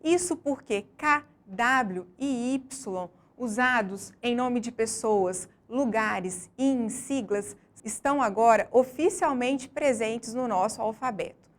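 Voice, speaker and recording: Woman teacher reading a lesson, kinda high voice, slow, stresses every syllable. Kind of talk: scripted lesson narration.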